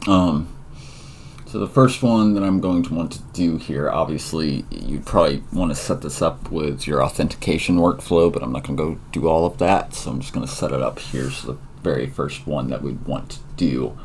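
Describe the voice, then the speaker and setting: A man's voice: rumbling low, normal speed, a little mellow, slight background noise. A tired man thinking aloud with many fillers as he walks through a coding tutorial, a yawn never far off. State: tired and yawning. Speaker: tutorial presenter. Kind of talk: casual screen-recorded coding tutorial.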